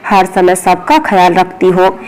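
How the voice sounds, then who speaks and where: A woman's voice: on the low side, flat delivery, unhurried, darkish tone, lightly acted, rough recording. A woman voicing an affectionate older mother-in-law in a spoken story, coaxing and loving.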